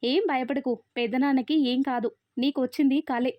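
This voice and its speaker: A woman's voice: high voice, fairly even intonation, normal speed, no room sound, natural voice. A woman voicing a young man who is grieving and devoted to his uncle, in an earnest storytelling delivery. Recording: dry, slightly dull recording.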